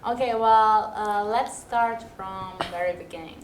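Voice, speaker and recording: A soft-spoken woman asks her interview questions quietly, pausing on small fillers. Her voice rings in an echoey room with a faint hiss underneath. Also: mid-range voice. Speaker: club interviewer.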